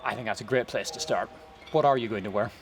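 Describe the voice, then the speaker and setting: A man's voice: on the low side, fast talker. A man coaching a cyclist, blunt and direct, giving practical advice in an indoor training room. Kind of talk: coaching chat. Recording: roomy echo.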